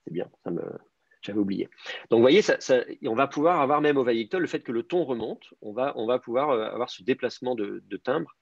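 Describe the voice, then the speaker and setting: Lively-voiced teacher on a dull call line. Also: male voice, medium pitch, fairly quick, gravelly, dry recording. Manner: explains step by step, thinking aloud with many "euh". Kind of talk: online Hebrew grammar class.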